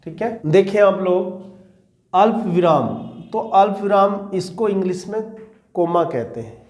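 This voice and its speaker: A male teacher giving an exam-prep grammar lesson in a roomy, echoey classroom. His voice sits a little high for a man, and he talks slowly and deliberately, repeating each key term so students can write it down. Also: a little mellow. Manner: slow, repeats key words for students to note. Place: classroom or small teaching room.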